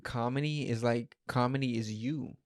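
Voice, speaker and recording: A young man co-hosting a casual comedy podcast. He sounds relaxed and agreeable, backs his partner up with easy yeahs, and swears casually. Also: mid-range voice, normal speed, no room sound, clean studio sound. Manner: laid-back, agreeable, swears casually, lots of yeah and mm-hmm. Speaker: podcast co-host and stand-up comedian.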